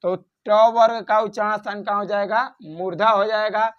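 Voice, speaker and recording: A man's voice: high-pitched, steady tone, normal speed. A male grammar tutor teaching in a classroom style, drilling students by asking questions and answering them himself, and chanting series of letters in rhythm. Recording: dull lo-fi sound.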